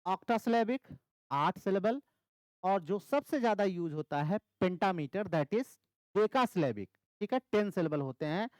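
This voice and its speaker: Brief: male literature tutor, exam-prep lecture, animated pitch, dry close sound. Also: moderate pace, no echo, low-quality recording. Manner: repeats key terms, asks and answers own questions. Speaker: English literature teacher.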